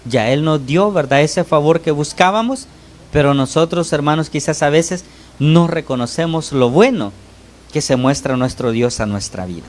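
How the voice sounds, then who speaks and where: A man preaching a sermon to his congregation, often pausing to call on the brothers and ask "¿verdad?", his voice rising and falling sharply between phrases. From El Salvador. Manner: pitch and loudness swing widely between phrases. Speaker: lay preacher.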